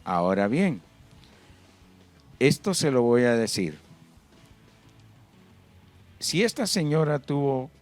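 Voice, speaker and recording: A man's voice: mid-range voice, very animated, takes it slowly, long pauses, soft background music. A man preaching a sermon, emphatic and full of rhetorical questions, with his volume swinging up and down. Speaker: pastor.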